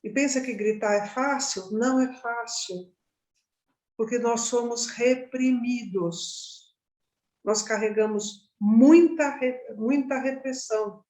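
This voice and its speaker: This meditation teacher keeps things conversational, regularly checking on her listeners with tag questions in an informal class. She speaks on the high side with a slightly mellow quality, and the space sounds echoey.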